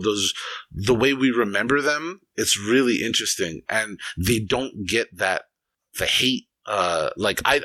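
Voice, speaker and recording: A man's voice: on the low side, sharp tone, dry recording, poor audio. A man in his forties from Hawaii, co-hosting a casual sports chat podcast and talking in an enthusiastic, chatty way with frequent restarts. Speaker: podcast co-host.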